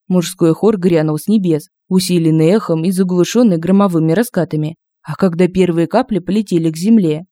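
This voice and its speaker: A woman's voice: lowish voice, dark tone, no echo, studio quality. Woman narrating a comic fantasy audiobook. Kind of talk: scripted narration of humorous fantasy. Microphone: close home-studio mic.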